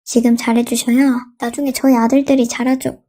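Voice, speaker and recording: A woman's voice: fairly high pitch, level tone, a little fast, warm tone, natural voice. A woman voicing a demanding young daughter-in-law in a read-aloud radio story. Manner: demanding, indignant.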